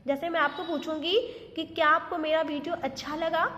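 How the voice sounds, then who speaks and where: A woman teaching a grammar lesson online, switching between Hindi explanations and deliberate examples and often asking "Is that clear?". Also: high voice, steady tone, a bit bright, in a large hall, lo-fi sound, a little hiss or hum. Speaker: English teacher.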